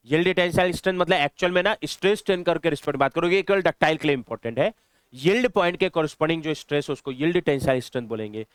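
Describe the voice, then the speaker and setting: A man's voice: a little high, smooth, dry recording. A man teaching an engineering lecture, explaining step by step, asking and answering his own questions, mixing English terms into Hindi. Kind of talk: classroom lecture.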